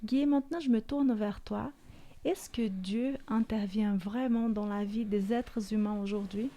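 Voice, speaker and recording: A woman's voice: medium pitch, steady tone, unhurried, warm tone. A woman host presenting in a composed, scripted way and addressing the listener directly.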